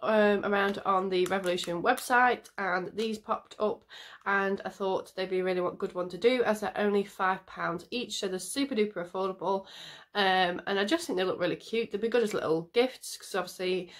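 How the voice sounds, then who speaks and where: This woman speaks at a moderate pace with a medium pitch. Congested and nasal from a cold, the makeup vlogger and parent chats aimlessly through her on-camera makeup routine, dropping lots of ums along the way.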